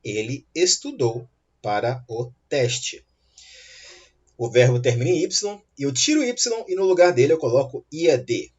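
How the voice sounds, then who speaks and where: A man's voice: medium pitch, sing-song, darkish tone, husky. A man teaching English grammar in a lesson, explaining patiently and checking that students follow. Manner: slow, patient explaining with rising checks like "tá bom?". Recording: dull lo-fi recording.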